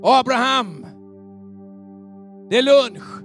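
Male preacher playing elderly wife, hollering to her husband, raised high voice. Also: animated, faint music behind. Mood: calling out. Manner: loud, calling out.

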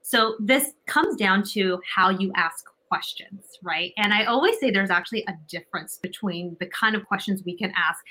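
A woman's voice: medium pitch, normal speed, few pauses, bright, forceful tone, poor audio. A woman being interviewed as a communication coach, giving emphatic advice and often checking in with "right?". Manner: emphatic, repeats key points.

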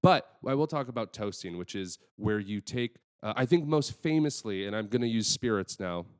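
A man's voice: on the low side, expressive, moderate pace. Man, podcast co-host, casual chat, explaining, self-mocking.

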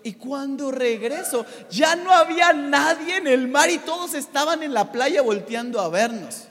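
A man preaches to a congregation, telling a personal story with animated energy and frequent questions to the room. His voice sits very high for a man. A long reverb from the large hall trails behind every word. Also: unhurried. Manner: animated, addresses the audience with questions.

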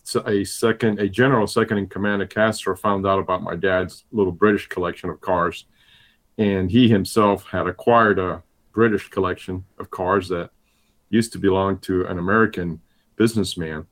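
A Cuban-born man in his fifties, a guest on an interview show. His voice sits very low, and he tells his story casually, wandering along with lots of "uh" and "kinda". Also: normal speed. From Cuba. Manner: relaxed, rambling storyteller with many fillers. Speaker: guest, gravel event organizer.

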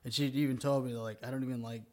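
A man's voice: mid-range voice, steady tone, quick pace. A young man hosting a podcast in casual chat with friends, laid-back, swearing a lot and laughing often. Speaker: podcast host. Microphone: podcast microphone.

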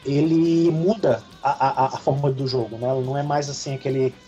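A man's voice: medium pitch, steady tone, fairly quick, warm tone, highs cut off, soft background music. A man with a Brazilian Portuguese accent hosting a casual podcast discussion in a rambling way, often seeking agreement. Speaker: podcast host.

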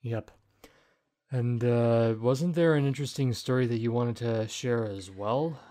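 A man's voice: mid-range voice, a little slow, warm tone. A man hosting a casual interview, offering short reactions and asking polite questions. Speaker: podcast host.

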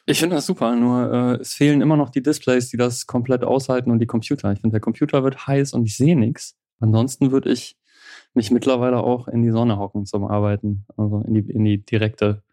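A man with a German accent co-hosting a podcast in casual chat, relaxed and joking. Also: mid-range voice, fairly quick, dry recording, studio quality. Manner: joking, relaxed, laughs often. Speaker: podcast co-host.

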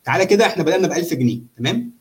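Male, Egyptian accent, higher-than-average pitch, rapid-fire casual explainer, checks in with listener. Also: animated. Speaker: trader demonstrating chart analysis. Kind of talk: casual live walkthrough of a trading simulation.

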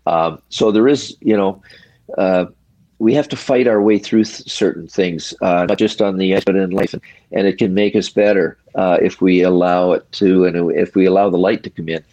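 An older man, a retired hockey referee, telling stories from his career in a casual interview, measured and reflective, in short pausing phrases. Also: low voice, fairly even intonation, warm tone, no echo.

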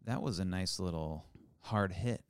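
A man's voice: deep voice, a little slow, smooth, dry recording, clean studio sound. A man in his forties co-hosting a podcast, chatting casually with playful teasing and rambling restarts. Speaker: podcast co-host. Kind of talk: casual chat.

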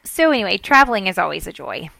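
A woman's voice: medium pitch, fast, vocal fry, no room sound. A woman with a Southern accent telling funny stories in a casual chat, acting out the people in them. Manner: animated, mimics people in her stories.

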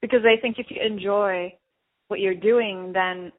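A woman from Turkey talks through her answers in a reflective, unhurried interview voice, pausing on fillers and laughing lightly between thoughts. Her pitch sits mid-range for a woman. The sound is squeezed and narrow, much like a phone line. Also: steady tone. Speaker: artist and guest.

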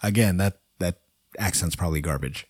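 A man's voice: sits low, normal speed, darkish tone, breathy edge, no room sound. Dry-voiced man on a casual podcast. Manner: chuckles at his own jokes, stumbles over foreign words. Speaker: podcast co-host.

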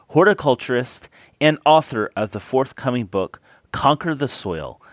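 A man's voice: mid-range voice, no echo, studio quality. A man with a Tennessee accent reading a scripted introduction as a podcast host.

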